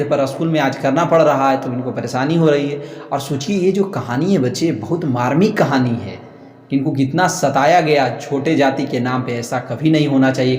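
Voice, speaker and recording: A man's voice: mid-range voice, a little mellow. A man with a Bihari Hindi accent teaching students a literature chapter, reading passages aloud and then explaining them in simple words. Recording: echoey room with long reverb.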